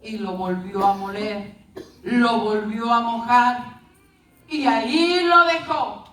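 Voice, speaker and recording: Slow, high-voiced woman preacher. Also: a bit bright. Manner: storytelling, addressing the congregation as brothers. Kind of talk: sermon. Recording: echoey room, distant mic.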